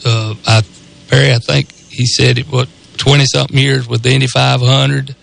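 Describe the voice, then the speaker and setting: A man's voice: medium pitch, little pitch movement, moderate pace, gravelly, fairly bright tone. A man with a Southern US accent and a rural drawl, rambling casually as co-host of a sports radio show. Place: radio studio.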